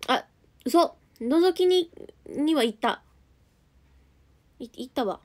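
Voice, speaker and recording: A young woman with a Kansai accent talks casually on a livestream, her voice sitting a little higher than most. She chats freely, reading out viewer comments and answering them as she goes. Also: expressive, takes it slowly, darkish tone. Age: young adult. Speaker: idol group member streaming live.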